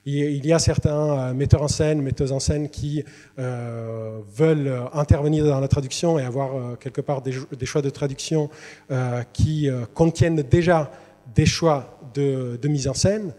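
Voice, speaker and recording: At a moderate pace and with fairly even intonation, a mellow mid-range male voice belongs to an Italian-native literary translator presenting to students. He hesitates often, using many fillers and restarts, in a university lecture hall with long reverb from its size.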